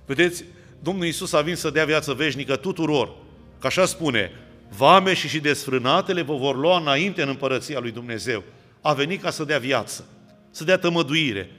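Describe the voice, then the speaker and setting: A man's voice: on the high side, pushed and bright, faint music behind. A man preaching a sermon as a priest, acting out the voices of the people in the story he retells. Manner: preaching, acts out quoted voices. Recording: long hall reverb.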